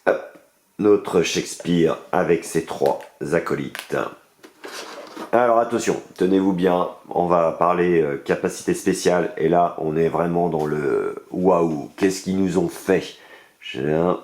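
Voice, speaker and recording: Low-voiced French man explaining game cards. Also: slow pace, a little mellow. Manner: enthusiastic, explains rules step by step with many fillers. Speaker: board game reviewer. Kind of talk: casual unboxing and card review.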